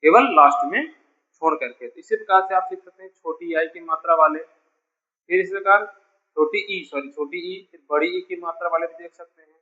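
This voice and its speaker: Here a man gives a classroom lesson on spelling for English beginners, patiently going over each point again and calling the students dear children. His slightly high, sharp voice moves at a moderate pace, and the audio is dull.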